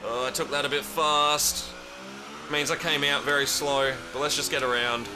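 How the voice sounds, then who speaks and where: A medium-pitched, steady male voice at normal speed belongs to a young Australian streamer driving in a racing game. He rambles chattily to viewers, answers their messages and swears casually. The game's engine noise plays behind his voice.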